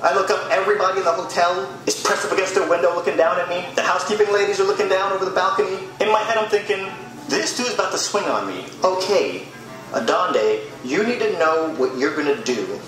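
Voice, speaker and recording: A man's voice: high voice, quick pace, a bit bright. A man animatedly recounting a personal story, wry in tone. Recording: echoey room with music.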